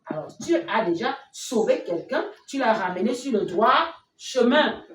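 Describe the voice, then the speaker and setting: A woman's voice: fairly high pitch, lively intonation, unhurried. A woman with a Cameroonian French accent teaching a children's Sunday school lesson, asking the children questions and acting out little scenes between a child and its mother. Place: church hall. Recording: echoey hall from far off, faint noise.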